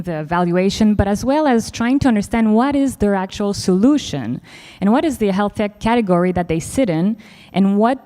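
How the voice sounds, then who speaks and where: A woman's voice: medium pitch, warm tone, smooth. A woman moderating a panel discussion, talking in a chatty way full of fillers. Her voice carries the long reverb of an event hall. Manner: chatty, many fillers, laughs easily.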